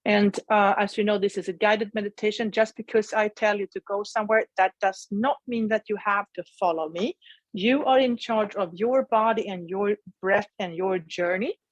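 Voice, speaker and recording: A woman teaching yoga and meditation, guiding listeners in a calm, soothing, unhurried way with pauses. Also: medium pitch, dry recording, poor audio. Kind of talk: guided relaxation meditation. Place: indoor room in an old house, dry close sound.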